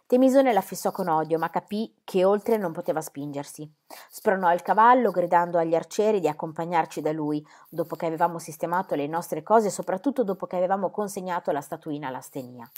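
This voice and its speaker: A woman narrating an audiobook of a historical novel, with an expressive, even reading. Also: lowish voice, brisk. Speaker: audiobook reader.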